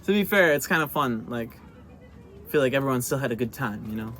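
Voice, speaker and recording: A man hosting a reaction video, giving excitable, slangy commentary and laughing easily. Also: mid-range voice, fairly quick, slight background noise.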